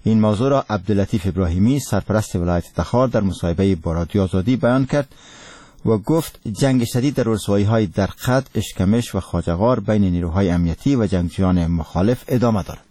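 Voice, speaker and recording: A man reads the radio news in a solemn, formal manner with an Afghan Dari accent. His voice is fairly low and mellow, and the sound is dry and close. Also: slightly rough, no room sound. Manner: solemn, formal newsreader delivery. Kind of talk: scripted radio news reading.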